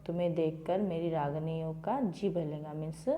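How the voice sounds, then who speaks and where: A woman's voice: deep voice, fairly even intonation, moderate pace, dull audio. A woman teacher reading a story aloud to schoolchildren, then repeating and explaining each line in simple words. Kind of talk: reading a Hindi textbook lesson aloud and explaining it to children.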